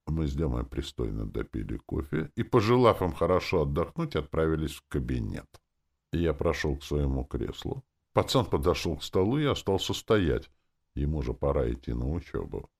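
A man's voice: rumbling low, gravelly. A man narrating first-person fiction expressively as an audiobook reader. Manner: expressive, acting out dialogue.

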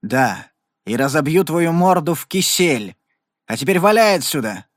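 A man voicing a fearless young gunman who speaks in a calm, even, unboastful tone in a Western storybook. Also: a little high, normal speed, dry recording, studio quality. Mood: commanding.

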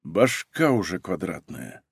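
A man's voice: fairly high pitch, brisk, darkish tone, no echo, studio quality, lightly acted. A man reading aloud, voicing a stern, weary male police detective who growls and barks orders.

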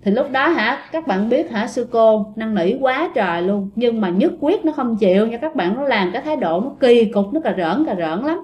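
Lady telling a ghost story, chatty, lots of fillers, kinda high voice. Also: animated, moderate pace, few pauses, lo-fi sound. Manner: chatty, addresses listeners, many fillers. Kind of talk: casual ghost-story narration.

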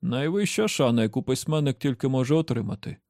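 A man's voice: mid-range voice, expressive, fast, darkish tone, dry recording, natural voice. A man voicing a dry, unimpressed older male writer who speaks in a detached, curt way.

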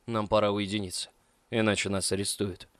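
A man voicing a confident, commanding male lover who speaks firmly and a little loudly. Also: fairly low pitch, flat delivery, brisk, no echo, lightly acted.

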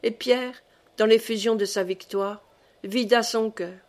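A woman reads a classic novel aloud as audiobook narration. Her voice sits somewhat high, and she keeps a measured, even reading pace. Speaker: audiobook reader.

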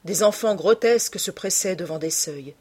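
A woman narrating a classic novel in a measured, hushed storytelling manner, with a husky voice. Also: fairly low pitch. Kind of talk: literary audiobook narration.

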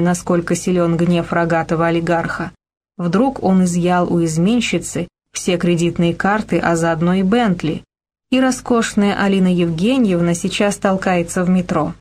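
A woman's voice: on the low side, a little mellow. A woman reading a first-person detective novel aloud with a dry, ironic manner. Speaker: audiobook reader.

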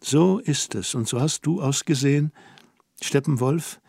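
A lively, dreamy young woman from an audiobook, musing and coaxing in a soft, gentle way, read by a man who keeps close to his own voice. the voice sits fairly high and sounds dry and close, with no room around it. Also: measured pace, vocal fry, no room sound. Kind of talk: audiobook reading.

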